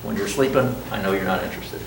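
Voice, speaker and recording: Quick and gravelly with a lowish pitch, an older instructor lectures a college class from behind a mask, chatting, asking questions, and joking at his own expense. The mic sits across a roomy classroom, catching faint ambient noise.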